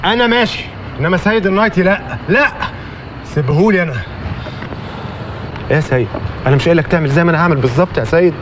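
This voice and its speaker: An actor with an Egyptian accent playing a bossy, impatient man who gives commands rapidly. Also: a little high, over music, natural voice. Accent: Egyptian Arabic.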